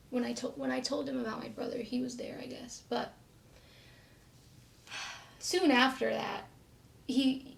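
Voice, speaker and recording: Soft-spoken young woman with a creaky voice. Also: fairly high pitch. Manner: soft-spoken and halting, often trailing off quietly. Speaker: vlogger telling her own story. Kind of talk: personal storytelling to camera.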